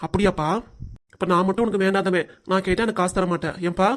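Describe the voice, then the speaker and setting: A man's voice: high-pitched, steady tone, fast, natural voice. A man voicing an earnest cartoon college son. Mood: pleading. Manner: earnest, pleading. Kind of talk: cartoon voice acting.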